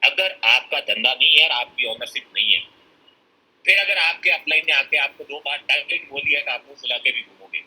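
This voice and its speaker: A man delivers a motivational seminar talk in a bright, forceful, strained voice with a husky edge. He speaks bluntly and with emphasis, and he acts out the excuses people give him. English phrases slip into his talk as he speaks. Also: medium pitch, fairly quick, low-quality recording.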